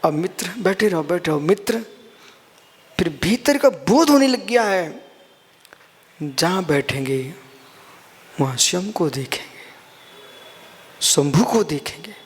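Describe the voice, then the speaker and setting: High-voiced Jain monk preaching in a hall. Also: male voice, lively intonation, slow pace, pauses often, husky. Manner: explains scripture line by line, addresses listeners as son and brother. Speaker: Jain monk giving a discourse. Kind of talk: sermon.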